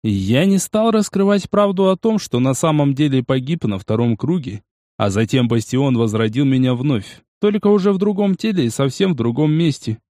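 Man, audiobook narrator, first-person, measured, mid pitch, dry recording. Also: animated, dark tone, no room sound.

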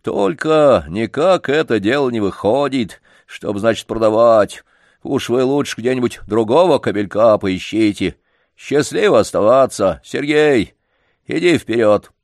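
A man's voice: mid-range voice, expressive, a little slow, dry recording, clean studio sound. A man voicing an old, humble but dignified street organ grinder, deferential and folksy. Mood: firm. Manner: deferential, folksy, quietly stubborn. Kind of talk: audiobook character reading.

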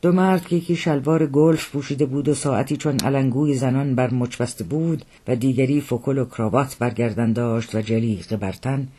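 Husky man reading a novel aloud. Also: mid-range voice, fairly even intonation, hardly any pauses, mellow. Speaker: author reading his novel. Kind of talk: audiobook narration.

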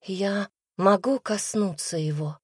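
A woman voicing a shy, loving young woman who speaks softly, in an audiobook. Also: mid-range voice, slow, breathy edge, dry recording, studio quality. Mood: hushed. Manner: soft, hushed.

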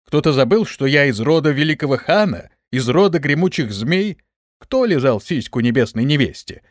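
Man voicing a cunning young hero, brash, lively pitch, dry close sound. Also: normal speed, no echo. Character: cunning young male hero, sly and bold. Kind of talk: audiobook character reading.

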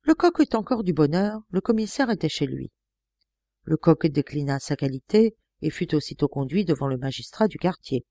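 A woman reading a novel aloud as an audiobook narrator, in a measured storytelling voice. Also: low voice, animated, dark tone, no room sound. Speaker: audiobook reader.

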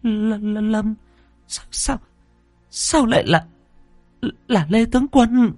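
A man's voice: high voice, slow, a little mellow, dry recording, faint music behind, voice pushed up. A man voicing a grieving middle-aged mother who cries, stammers and pleads with her son. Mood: stunned, stammering. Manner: wailing, stammering pleas. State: crying.

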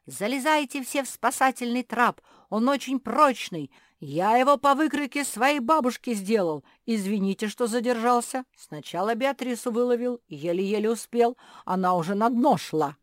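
A woman voicing a big, kind male bear who shouts reassurance to rescue friends in a storybook. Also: a little high, lively intonation, normal speed, few pauses, dry recording, clean studio sound, pitched above the performer's own voice, close to an everyday voice. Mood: shouting, reassuring.

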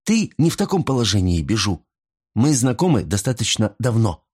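A man's voice: fairly low pitch, big pitch swings, moderate pace, a little mellow, husky. A man voicing a young woman bartender who teases her customers in a dry way. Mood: teasing. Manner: teasing, dry.

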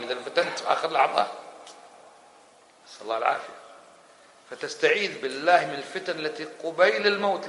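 A man teaching a religious lesson in a lively, colloquial way, firing rhetorical questions at his listeners. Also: medium pitch. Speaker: Islamic scholar teaching a book. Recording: echoey room, faint background hiss.

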